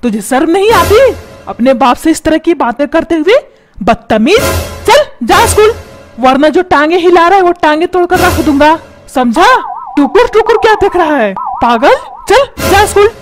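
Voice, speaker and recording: एक महिला कार्टून में चिड़चिड़े, चिल्लाने वाले अधेड़ पिता की आवाज़ दे रही है, जो डांटता है और ताने मारता है।. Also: female voice, very high-pitched, expressive, normal speed, music in the background. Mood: scolding. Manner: shouts and scolds, calls names. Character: grumpy shouting cartoon father, middle-aged man. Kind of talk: comedy cartoon dubbing.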